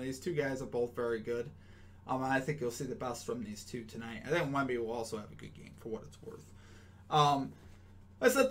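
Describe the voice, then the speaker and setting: A man's voice: on the high side, fairly bright tone. A young man hosting a sports betting show, talking through his picks in a loose, chatty way with plenty of ums and restarts. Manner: chatty, many ums and restarts, upbeat sign-offs. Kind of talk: casual sports betting breakdown.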